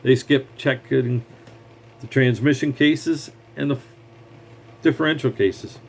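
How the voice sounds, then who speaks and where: A man's voice: mid-range voice, fairly even intonation, a little slow, gravelly, a little hiss or hum. A mechanic, a man, giving blunt, heated advice in a scornful rant straight to the camera. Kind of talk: ranting advice monologue.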